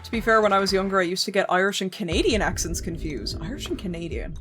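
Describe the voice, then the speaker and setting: This young streamer talks fast, with lively intonation in a mid-range voice, bantering with her audience and reading chat while game music plays. She's chatty and wry, wandering off topic and frequently starting sentences over.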